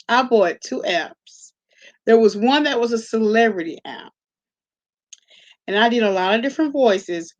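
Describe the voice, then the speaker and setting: Heard through lo-fi sound, a woman with a slightly high voice hosts an online commentary channel. Her reaction vlog is casual and gossipy, peppered with salty slang and regular check-ins with the listener.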